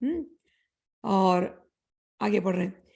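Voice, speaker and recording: Woman, spiritual teacher, very slow deliberate chanting with quick explanatory asides. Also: medium pitch, lively intonation, creaky, a little mellow.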